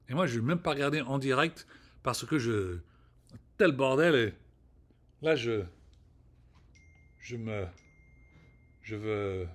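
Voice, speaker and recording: A man ranting in a casual monologue, rambling and profane, often restarting his words. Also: mid-range voice. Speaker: vlogger. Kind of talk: casual spoken rant to camera.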